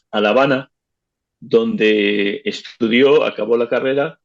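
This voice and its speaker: A man in his fifties, born in Cuba, telling his life story in a casual interview, halting and repeating words as he recalls. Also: medium pitch, gravelly, dull audio. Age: 50s. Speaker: interview guest, retired teacher.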